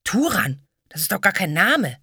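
A woman voicing a curious, plucky young boy who asks lively questions. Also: mid-range voice, moderate pace, husky, dry recording, studio quality, pitched above the performer's own voice, heavily acted.

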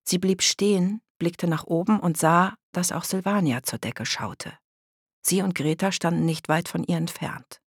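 An audiobook narrator reading a children's story in a steady, even way. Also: medium pitch, unhurried, husky, dry recording, studio quality. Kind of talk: scripted children's book narration.

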